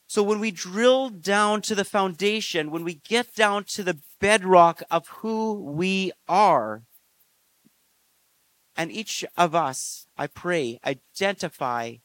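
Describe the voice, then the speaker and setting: A man preaching a sermon in an earnest, measured way, slowing down on key phrases. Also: on the high side, fairly bright tone, dry recording. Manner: earnest, measured delivery with slow emphatic phrases and frequent fillers.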